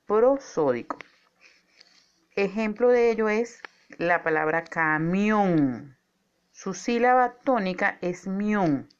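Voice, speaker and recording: A woman teacher speaks a scripted lesson with clear, measured delivery, drawing out key words to stress them. Her voice is mid-range, and the sound quality is lo-fi.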